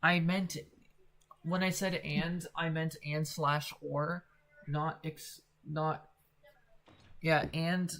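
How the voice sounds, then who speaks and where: A woman with a low but bright, forward voice and a mixed Atlantic and American accent gives casual gameplay commentary. She rambles through tangents and swears offhandedly as she plays. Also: little pitch movement, drawn-out words, pauses often. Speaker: let's play host.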